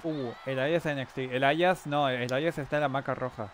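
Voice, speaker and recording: A man giving casual, excitable live commentary on the game he is playing. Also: medium pitch. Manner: excitable, frequent quick exclamations. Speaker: streamer. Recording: noisy game sound underneath.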